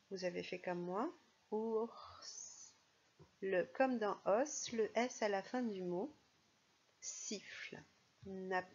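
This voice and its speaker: A woman's voice: mid-range voice, a little mellow, slightly rough, muffled recording. A woman teaching a primary school phonics lesson, speaking patiently and stressing each sound and syllable.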